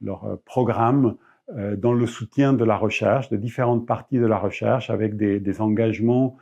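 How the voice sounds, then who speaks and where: Man, middle-aged, from Argentina, scientist, halting interview delivery, husky, slightly dull recording. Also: lowish voice, steady tone, a little mellow. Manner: measured, halting, frequent hesitations and repeated words. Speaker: research scientist.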